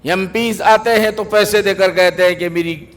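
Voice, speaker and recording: Male preacher, high voice, fervent, repeats lines for emphasis, long hall echo. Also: steady tone. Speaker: mufti preaching a hadith lesson. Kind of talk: sermon. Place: mosque.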